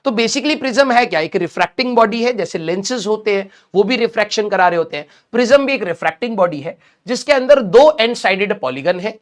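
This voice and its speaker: A young man teaching a recorded physics lecture with a sore throat, speaking slowly, repeating key terms and asking questions he then answers himself, slipping English phrases into his talk. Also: high voice, animated. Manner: mixes English phrases into Hindi.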